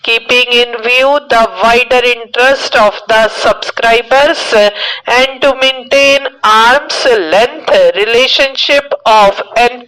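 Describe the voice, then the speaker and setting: Slow woman dictating, higher-pitched voice. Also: sharp tone, low-quality recording. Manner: dictating in measured, deliberate phrases. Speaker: shorthand dictation reader. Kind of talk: dictation, reading a formal text aloud.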